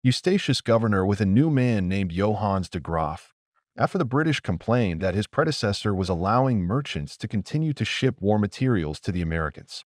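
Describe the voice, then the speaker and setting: A man giving scripted history narration as a documentary narrator, with steady storytelling delivery. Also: lowish voice, fairly quick, no echo, clean studio sound.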